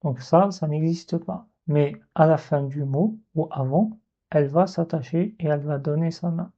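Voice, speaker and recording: A man's voice: a little high, moderate pace, warm tone. A man teaching an Arabic letter in a video lesson, patiently repeating sounds and breaking words into syllables. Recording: dull lo-fi recording.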